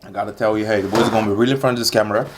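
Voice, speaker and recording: A man's voice: on the low side, fairly even intonation, very fast, very noisy. A man chatting casually to viewers as a mukbang host while eating crunchy fried chicken, slangy and repetitive, with satisfied hums. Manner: slangy, repeats phrases.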